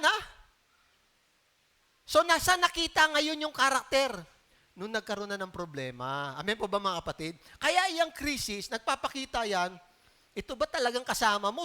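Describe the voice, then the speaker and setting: A man preaching a sermon as pastor, lively and often calling out questions to the congregation. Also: sits high.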